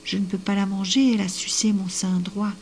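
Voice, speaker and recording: A woman's voice: medium pitch, flat delivery, fairly quick, darkish tone, slight background noise, natural voice. A woman voicing a female ghoul who refuses to eat a girl. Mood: firm.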